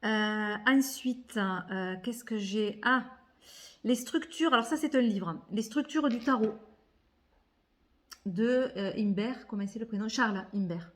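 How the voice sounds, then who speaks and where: A tarot and oracle card vlogger with a voice on the high side speaks at a slow pace. She casually chats through a tarot deck haul, thinking aloud and repeating words when she hesitates.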